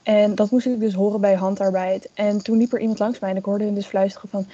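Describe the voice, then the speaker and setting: A woman's voice: mid-range voice, flat delivery, quick pace, warm tone, no room sound, highs cut off. A young woman in casual podcast chat, telling a long personal story with many fillers and quoted asides. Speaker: guest storyteller.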